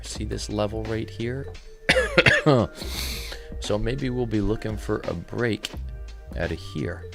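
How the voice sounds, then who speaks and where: Man, lowish voice, mellow radio-DJ calm, slightly tired, faint music underneath. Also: vocal fry. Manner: calm, soft, relaxed radio-DJ delivery. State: a little tired. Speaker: trading livestream host. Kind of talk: live market commentary reading chat.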